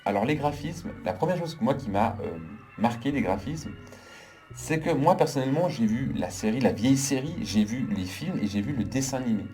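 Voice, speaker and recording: Guy doing a casual movie review vlog, super emphatic and opinionated, darkish mellow voice, faint music under it. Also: mid-range voice, animated, fairly quick. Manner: emphatic, opinionated, heavy use of intensifiers. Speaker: film critic. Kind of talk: casual video film review.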